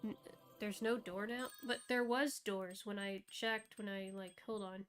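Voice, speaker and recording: A woman's voice: mid-range voice, fairly even intonation, a little slow. A woman streamer chatting casually while playing a game, thinking aloud and answering chat. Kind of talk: casual gameplay commentary. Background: game music.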